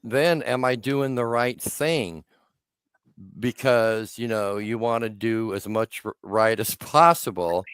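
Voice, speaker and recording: A man in his sixties hosts a casual podcast chat, his voice low and resonant. He rambles from memory to memory, breaking off and restarting his sentences, and the sound is close and dry. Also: slow pace, a bit bright, clean tone, dry recording. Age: 60s. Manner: rambling, self-interrupting storyteller. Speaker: podcast host.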